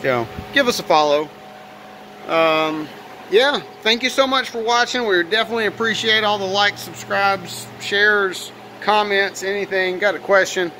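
High, bright-voiced man talking over a fan. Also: poor audio. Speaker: auto detailer presenting own work. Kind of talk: casual narrated walkaround vlog. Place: garage workshop, indoors. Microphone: handheld phone camera, operator behind it. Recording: steady fan noise in workshop. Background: running fan.

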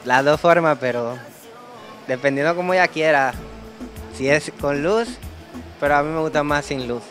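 A man from Panama, a singer, answering interview questions in a relaxed way in a café. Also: a little high, moderate pace, faint music behind. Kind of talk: casual interview. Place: crêpe café.

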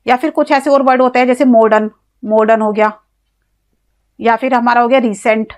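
A woman's voice: fairly high pitch, fairly even intonation, normal speed, a little mellow. Indian woman teaching grammar, step by step. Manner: explains step by step, spelling words out letter by letter; asks questions to the viewer, then answers them herself. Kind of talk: classroom-style grammar lesson.

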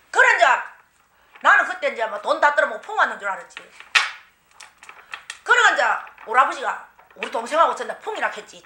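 Animated high Gyeongsang woman storyteller. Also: slight background noise. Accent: Gyeongsang Korean. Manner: animated, laughing, acts out quotes. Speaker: shaman. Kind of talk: personal storytelling. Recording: echoey room.

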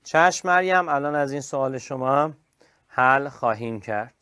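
A man teaching an online chemistry class, lively and praising his students by name. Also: mid-range voice, clean tone, dry recording, studio quality.

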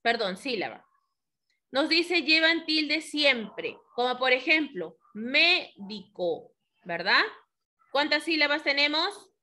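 A woman teacher with a Peruvian Spanish accent, teaching a classroom lesson slowly and patiently, asking the class questions. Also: high-pitched, sing-song, pushed and bright.

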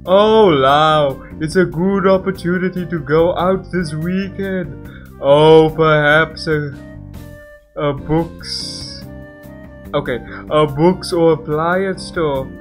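A man voicing a big, eager, bashful guardian tiger spirit in a visual novel game, loud and halting. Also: a little high. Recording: music behind the voice.

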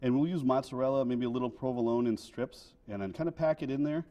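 A man in his thirties from a winery cooks in a studio kitchen on a TV cooking segment, chatting casually. His mid-range voice moves quickly, full of fillers and restarts, in a relaxed tone, and the recording's highs are cut off.

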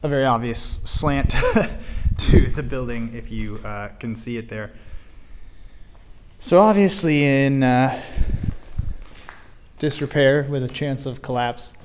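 Medium-pitched and unhurried, an urban explorer narrates his exploration of an abandoned barn-like building and the outdoors around it. He speaks calmly and matter-of-factly, with filler pauses, recorded on a handheld camera mic amid clear background noise.

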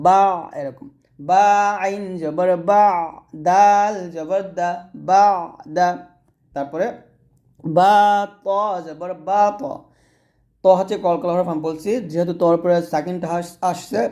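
A man teaching Quran reading, spelling out syllables slowly and then explaining in quick bursts. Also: high voice, fairly even intonation, mellow. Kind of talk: recorded lesson.

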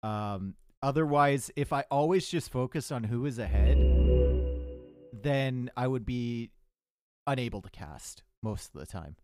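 A man commentating a strategy game match with a lively, teasing delivery. His pitch swings widely, climbing high and loud when the action turns. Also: measured pace, soft background music. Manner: lively, teasing, rises sharply when excited. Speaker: caster. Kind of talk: esports commentary.

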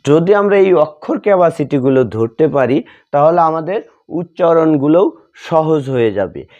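A man teaching a class at a slightly raised pitch, breaking words into letters and syllables at an unhurried pace. The recording is dull and lo-fi. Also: animated, a little mellow. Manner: slow, spells letters out one by one. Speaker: English teacher. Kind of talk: classroom lesson. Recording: dull lo-fi sound.

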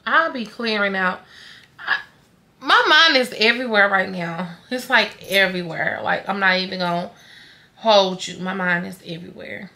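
A young woman vlogger speaks at normal speed in a medium-pitched voice that is creaky and bright, with a forceful tone. At home at night, she chats casually to the camera and her dog, tired and rambling and often trailing off to herself.

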